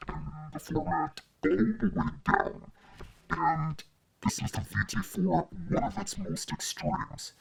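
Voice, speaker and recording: A man talking through a voice changer that shifts his pitch and formant, explaining settings step by step in a gear demonstration. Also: slow pace, vocal fry, heavily acted. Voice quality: electronically processed, unnatural timbre.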